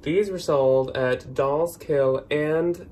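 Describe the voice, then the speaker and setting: A man's voice: fairly high pitch, fairly even intonation, very slow, darkish tone, a little hiss or hum. A man in his twenties with an American accent, hosting in a casual, chatty vlog style. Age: 20s. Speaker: host. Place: small plain room indoors.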